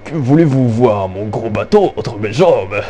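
A young man putting on the voice of a sleazy, leering grown man in a low, slow drawl during a video game session. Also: expressive, warm tone, soft background music.

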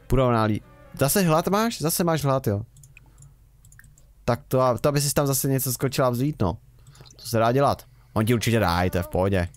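A young man giving rambling, casual commentary while playing a game, with wry remarks. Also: lowish voice. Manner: chatty, rambling, wry self-mocking remarks. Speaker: Let's Play host.

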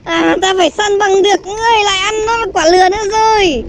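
A man playing an excitable young male demon hunter, boastful and theatrical in a comedy skit. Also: very high-pitched, quick pace, a loud crowd, heavy background noise. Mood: triumphant.

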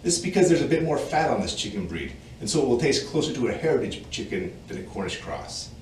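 A man in his forties delivers a clear, informative farm explainer as the show's host. He sounds a little distant from the mic, with noticeable room reverberation, and a faint outdoor ambience sits underneath. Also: medium pitch, sing-song, fast talker, darkish tone, slight background noise. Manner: clear, informative and matter-of-fact. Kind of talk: scripted explainer to camera. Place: outdoors in front of a wooden barn door.

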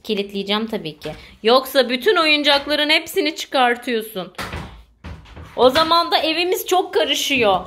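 A woman's voice: high-pitched, a bit bright, a little hiss or hum. A young mother hosting a family vlog, talking playfully and sweetly to her little son. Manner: cooing and playful, talking to a toddler. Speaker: mother and channel host.

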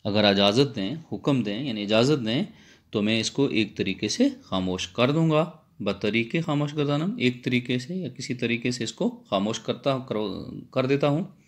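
A man's voice: medium pitch, expressive, normal speed. A man, a Persian lecturer, reads a Persian text phrase by phrase and explains each one again in simple words. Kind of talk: line-by-line text explanation lesson.

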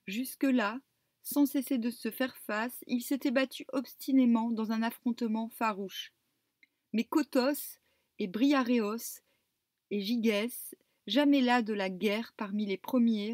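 A woman reading ancient epic poetry aloud with measured, deliberate phrasing. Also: fairly high pitch, a little mellow, no echo, studio quality. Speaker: reader.

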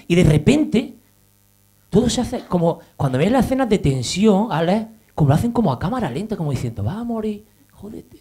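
Brief: lively male comedian, swooping animated delivery, acts out scenes for the crowd. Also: high-pitched, slightly rough. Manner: animated, acts out scenes, talks straight to audience members. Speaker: stand-up comedian. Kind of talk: stand-up comedy set. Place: comedy stage before a live audience.

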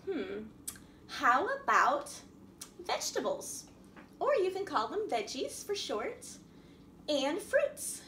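A middle-aged library storytime host with a high-pitched voice reads and explains to small children, lively and sing-song, with simple questions sprinkled in. She's at a wooden table in a small indoor room; the camera is a few feet away, and the sound has a roomy echo and faint background noise.

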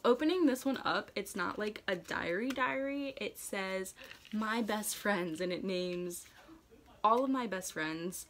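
A young American woman reading and chatting casually, with an animated, theatrical delivery and amused self-mockery. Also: medium pitch, a little hiss or hum. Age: young adult. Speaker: vlogger. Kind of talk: casual chat and reading own childhood diaries aloud. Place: dark room indoors at home.

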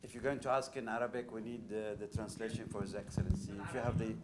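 A man's voice: fairly low pitch, little pitch movement, fast, heavy background noise. A man moderating a question session in a lecture hall, giving brief, polite prompts.

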